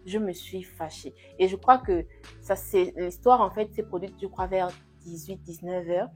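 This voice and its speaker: A woman's voice: on the low side, normal speed, darkish tone, faint music behind. A young woman from Gabon, sharing a candid personal faith testimony, hesitant and full of restarts. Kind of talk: personal testimony, casual talk.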